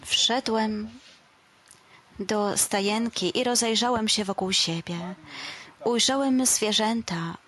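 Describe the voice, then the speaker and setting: Slow, earnest woman preaching. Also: mid-range voice, fairly bright tone. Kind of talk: sermon with a told story.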